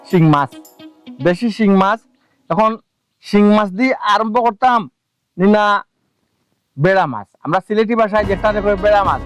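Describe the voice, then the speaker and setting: A man doing a boastful Sylheti village husband in a comic drama, his voice sitting high for a man as he rattles off showy patter to his viewers. Faint music plays underneath. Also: close to an everyday voice. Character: boastful village husband eating raw fish for views. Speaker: husband filming a food video.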